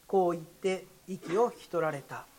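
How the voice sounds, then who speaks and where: A pastor delivering a sermon in a measured, formal way, with occasional short fillers. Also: medium pitch, darkish tone.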